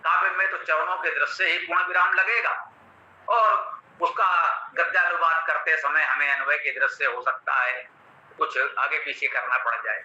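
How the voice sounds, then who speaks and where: Bright, high-voiced Hindi-accented scripture teacher. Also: male voice, fairly even intonation. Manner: measured, teacherly, repeats and glosses Sanskrit terms. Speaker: Vedic scholar explaining a mantra. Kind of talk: explanatory lecture on scripture. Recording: roomy, slightly dull recording.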